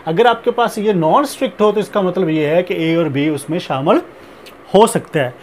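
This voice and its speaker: High-voiced man slowly explaining math. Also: slight background noise. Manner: slow, deliberate explaining, mixing Hindi-Urdu with English math terms; repeats filler phrases while explaining. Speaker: math teacher. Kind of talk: recorded math lecture.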